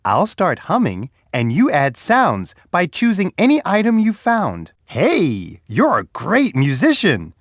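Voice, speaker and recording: A man voicing a big, gentle, cheerful male bear in a children's game, talking warmly and encouragingly to a young player. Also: high voice, wildly swooping pitch, slow, hardly any pauses, no room sound, clean studio sound, full character voice. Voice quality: warm, soft, sing-song delivery with chuckles. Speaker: voice actor for a children's game character. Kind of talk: scripted game voice clips. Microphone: dry studio booth.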